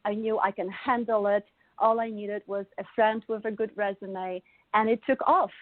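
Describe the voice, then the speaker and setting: In a dry, tinny call with no echo, a Polish-accented middle-aged wellness coach shares her life story for an interview. She speaks steadily at moderate pace in a mid-range voice, warm and often laughing through her stories.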